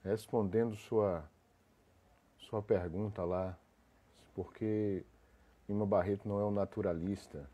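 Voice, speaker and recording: A man's voice: fairly low pitch, steady tone, a little slow, long pauses, warm tone. A man with a cold, sounding congested, hosting a casual live stream, greeting viewers by name as he rambles with restarts.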